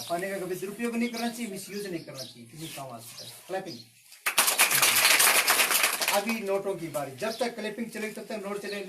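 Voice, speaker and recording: A man performs as a kids party magician, keeping up playful, teasing patter full of questions for the children. He is heard at a distance from the microphone, with clear noise over the recording. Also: high voice. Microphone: far from the mouth. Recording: distant mic, noisy with clicks and birds.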